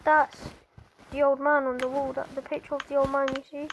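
A woman's voice: high-pitched, level tone, fairly quick, highs cut off, background noise. A woman gamer giving playful, jokey gameplay commentary to her viewers. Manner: chatty, jokey, talks to viewers.

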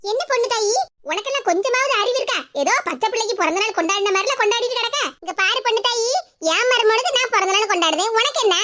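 A woman voicing a nosy, sharp-tongued older village neighbour in a cartoon, speaking with a Tirunelveli Tamil accent. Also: extremely high pitch, fast. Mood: sneering. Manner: scolding, gossiping, sharp-tongued. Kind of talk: cartoon voice acting.

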